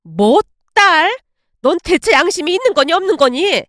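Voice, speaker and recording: A woman's voice: sits high, big pitch swings, moderate pace, no room sound, clean studio sound. Woman acting out a fierce scolding mother. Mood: furious. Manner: scolding, shouting. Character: angry middle-aged mother, sharp-tongued and fierce.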